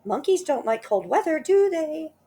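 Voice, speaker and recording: Woman doing a chirpy friendly bird, high and singsongy. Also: big pitch swings, moderate pace, dark tone.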